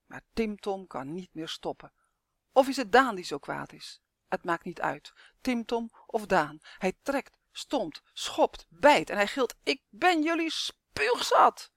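Storybook narrator, expressive and dramatic, mid pitch, dry close recording. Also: no echo. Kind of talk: reading a children's story aloud.

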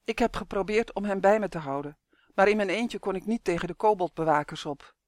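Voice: medium pitch, brisk, no room sound, clean studio sound, pitched above the performer's own voice, lightly acted. A reader voicing a stubborn, earnest young boy who insists with pleading emphasis, in an audiobook. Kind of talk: audiobook character voice.

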